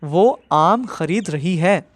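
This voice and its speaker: Slow, deliberate male grammar teacher. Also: high-pitched, lively intonation, dry recording. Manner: slow, deliberate, spells out rules step by step. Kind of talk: explaining grammar rules in a lesson.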